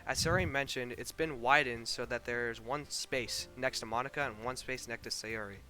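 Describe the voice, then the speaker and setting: A man's voice: mid-range voice, fairly even intonation, normal speed, sharp tone, faint music behind. A young man streaming, casually reading game narration aloud, easygoing and laughing between lines. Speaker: streamer narrating a visual novel.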